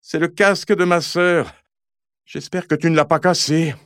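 A man's voice: fairly high pitch, fairly even intonation, moderate pace, fairly bright tone, dry recording, studio quality, voice pushed up. A man voicing an anxious young boy who warns and worries about his friend. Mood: urgent. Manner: urgent, worried.

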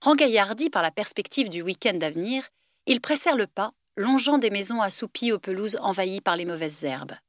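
A woman narrating a novel aloud in an expressive, lively audiobook style. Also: medium pitch, a little fast, no echo, studio quality. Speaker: reader.

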